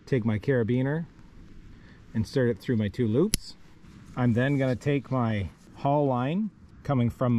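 Warm and mid-range, this man's voice carries over a faint hiss or hum. He rigs ropes by hand on a rocky riverbank while giving a plain, methodical, step-by-step lesson in kayak rescue. A wearable body camera records him.

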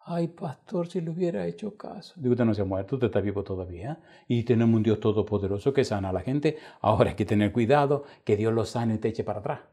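Dark-voiced man preaching a sermon. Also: on the low side, quick pace, hardly any pauses. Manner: dramatic, shifts between loud and hushed quoted voices. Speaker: pastor. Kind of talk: sermon with acted-out anecdotes.

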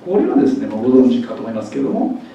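A man's voice: mid-range voice, very fast, dull audio, a little hiss or hum. Guy giving a jokey lecture, acting out sounds, super echoey hall, mic kinda far off. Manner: jokey, animated, demonstrates pronunciations aloud. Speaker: university lecturer. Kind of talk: faculty development lecture.

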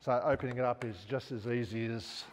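A man's voice: medium pitch, steady tone, fairly quick, in a large hall, a little hiss or hum. Australian man demoing gear in a showroom. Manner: chatty, hands-on, talks while working. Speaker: outdoor gear store presenter. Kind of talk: casual product demonstration. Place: large indoor showroom.

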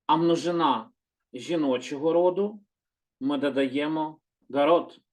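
Gentle, patient male language teacher. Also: on the high side. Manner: gentle, patient, repeats words slowly and corrects himself. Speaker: Hebrew teacher. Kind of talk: calm slow explanatory lesson.

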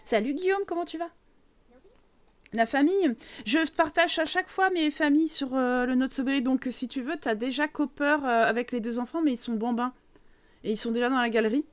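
Young French woman, fairly high voice, rambling casual streamer chatter full of fillers. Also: fairly quick. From France. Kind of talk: casual live game commentary with chat.

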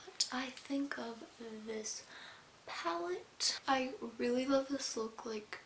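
Young woman chatting casually, creaky higher voice. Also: slow. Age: young adult. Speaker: beauty vlogger. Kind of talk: casual chit-chat makeup tutorial. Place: indoor room, plain wall. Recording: roomy echo, faint hiss.

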